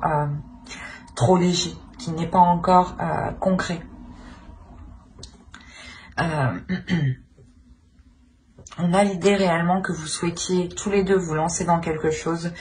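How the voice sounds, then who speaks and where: A woman who hosts a channel gives viewers an unscripted tarot reading, hesitantly searching for the meaning by repeating and rephrasing her phrases. Her voice is on the low side with a darkish tone, and background noise is clearly present.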